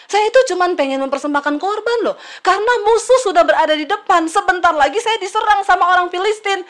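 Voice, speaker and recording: A woman's voice: very high-pitched, expressive, fast talker, fairly bright tone, voice pushed up. A woman preacher voicing a defensive male king from scripture, pleading that he did nothing wrong. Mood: aggrieved. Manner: pleading, protesting complaint.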